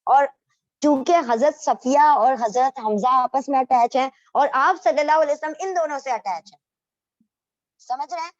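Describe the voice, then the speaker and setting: A woman's voice: sits high, moderate pace, no echo, lo-fi sound. A woman teaching a casual class, explaining step by step and asking her students questions, often correcting herself. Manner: self-correcting, restarts. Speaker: Islamic history teacher.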